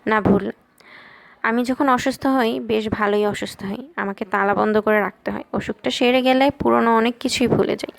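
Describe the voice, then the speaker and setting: A woman's voice: fairly high pitch, steady tone, moderate pace, vocal fry. A woman reading as a troubled young man. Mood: subdued. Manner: subdued, apologetic.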